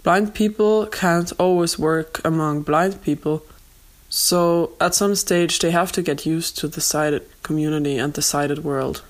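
A young adult woman hosting a podcast, speaking in an earnest, steady and explanatory way, recorded with makeshift low-quality equipment. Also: measured pace. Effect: low-quality makeshift recording without proper equipment. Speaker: podcast host. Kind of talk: podcast monologue, personal advice.

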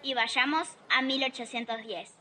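A woman's voice: sits high, moderate pace, sharp tone, slight background noise. A woman playing a friendly presenter in a children's stage play, announcing in rhyme to the audience. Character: friendly female stage presenter guiding a trip to the past. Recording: echoey hall, voice from afar.

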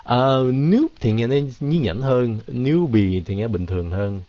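A man teaching English in a casual live Q&A, mixing Vietnamese and English and drawing words out slowly. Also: mid-range voice, lively intonation, no echo. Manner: drawn-out, slow pronunciation of English words. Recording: dull, lo-fi, dry.

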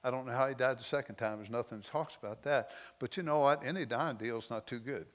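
A man preaching a sermon, moving between slow, emotional lines with soft drops and loose, conversational asides. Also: mid-range voice. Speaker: pastor.

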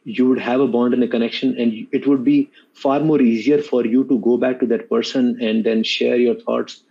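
A man's voice: mid-range voice, flat delivery, normal speed, gravelly, warm tone, muffled recording. A middle-aged man with an Indian accent giving earnest, unscripted advice as an interview guest, often repeating words for emphasis. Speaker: podcast guest, mentor to students.

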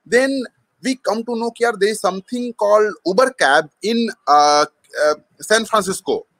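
A man's voice: high-pitched, normal speed, fairly bright tone, no echo. A man with an Indian accent tells his own story conversationally as an interview guest, hesitating often and slipping between English and Hindi. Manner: hesitant, frequent mid-sentence Hindi switches. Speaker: startup co-founder, interview guest.

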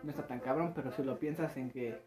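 A man's voice: mid-range voice, quick pace, music in the background. A young man in his late teens with a Mexican accent, chatting casually and joking in slang. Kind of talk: casual chat.

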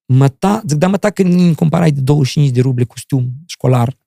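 A middle-aged man, his voice dark, gravelly and husky. He tells his stories animatedly and acts out the lines of the people in them. The sound is dry and close. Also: a little high, no room sound. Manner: animated storyteller who acts out dialogue. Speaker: guest, actor. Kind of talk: casual interview chat.

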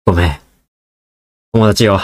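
A man's voice: deep voice, measured pace. A man hosting a casual solo podcast, rambling and joking as he talks straight to his listeners. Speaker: podcast host.

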